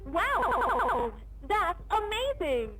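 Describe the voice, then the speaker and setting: A woman's voice: very high voice, sing-song, drawn-out words, over loud music, exaggerated voice. A woman voicing a friendly little female jellyfish in a children's game, chirpy, polite and encouraging. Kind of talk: children's game cartoon voice acting.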